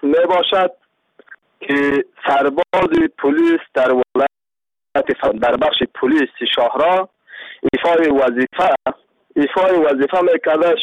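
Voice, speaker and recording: A man from Afghanistan reading a formal announcement over a radio phone line, haltingly and repeating his phrases. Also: fairly high pitch, no room sound. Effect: heard over a radio phone-in line. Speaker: caller to a radio missing-persons program. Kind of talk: reading out a missing-person announcement.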